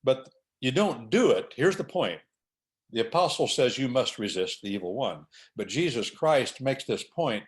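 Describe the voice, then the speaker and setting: An animated male host with a mid-range voice speaks at normal speed. Over a conversation about faith and order, he keeps repeating his points emphatically, as a preacher would.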